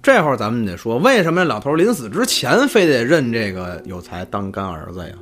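A man hosting a storytelling podcast, narrating in a lively, chatty way with asides to his co-host. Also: mid-range voice, a little fast, soft background music.

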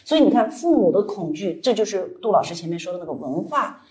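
Lady psychologist talking fast and casual at a book club, loose and colloquial. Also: lowish voice, very animated, darkish tone. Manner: chatty, colloquial, acts out clients' voices. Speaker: psychologist and counselor, guest speaker. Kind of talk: live book-club talk.

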